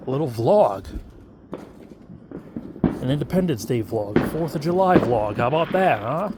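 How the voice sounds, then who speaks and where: Guy rambling slow in a vlog outside at night, fireworks popping loud in the background. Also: medium pitch, animated, heavy background noise. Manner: rambling, hesitant, many fillers. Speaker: vlogger. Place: outdoors at night. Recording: loud fireworks and firecrackers outdoors.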